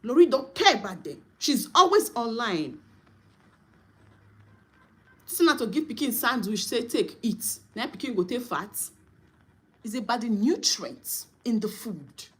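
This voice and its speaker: A Nigerian woman with a husky, slightly high voice gives scolding commentary to camera. She talks emphatically and with indignation. Her delivery swings between outrage and disbelief. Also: sing-song, normal speed. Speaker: vlogger. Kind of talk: commentary, mixing English and Pidgin.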